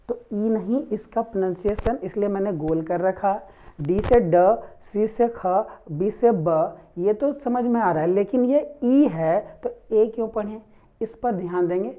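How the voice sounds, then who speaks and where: A woman teaching English phonics in a slow, drawn-out teaching tone. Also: medium pitch, slight background noise. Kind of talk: phonics lesson. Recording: dull lo-fi recording.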